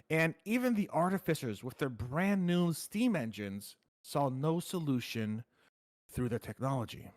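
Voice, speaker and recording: With a slightly high voice and no room sound at all, this game facilitator hosts a tabletop story game over a voice call. He explains the rules casually, then shifts to a solemn storybook tone to read the world lore.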